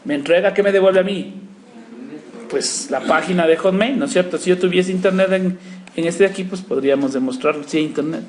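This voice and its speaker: A man's voice: high-pitched, a little fast. A man teaching a networking class, walking students through a live command-line demo and checking in with them after every step. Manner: constant check-ins with the class, talks while typing commands. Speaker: networking instructor. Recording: echoey classroom with faint room noise.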